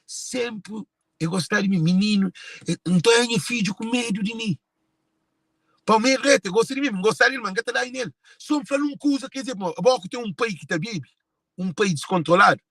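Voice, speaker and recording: Cape verdean guy talking straight to viewers, pretty high voice, keeps repeating himself, dry close sound. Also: fairly quick, gravelly, a bit bright, no room sound. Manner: repetitive, circling back to phrases. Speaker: speaker sharing personal family story. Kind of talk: emotional monologue to viewers.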